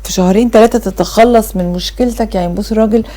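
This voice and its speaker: A woman's voice: mid-range voice, racing, warm tone, a little hiss or hum. A woman with an Egyptian Arabic accent hosting a TV talk show, chatty and encouraging. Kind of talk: casual TV interview.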